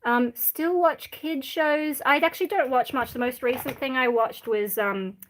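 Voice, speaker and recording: A woman's voice: sits high, unhurried, a bit bright, a little hiss or hum, poor audio. An Australian woman chatting casually on a livestream, reading out viewer questions in a blunt, irreverent, rambling way. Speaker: live streamer.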